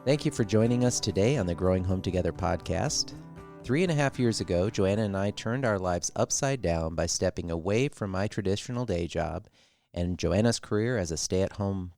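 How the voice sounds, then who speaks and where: A man co-hosting a podcast in a relaxed way, with easy fillers and side remarks. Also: sits low, normal speed, dry recording, faint music behind. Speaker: podcast co-host. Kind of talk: casual podcast chat.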